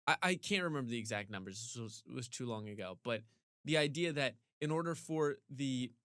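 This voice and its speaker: A man co-hosting a casual sports podcast, ranting animatedly with big jumps in pitch, his voice getting a little hoarse. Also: expressive, a little fast, fairly bright tone, no echo, clean studio sound. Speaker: podcast co-host.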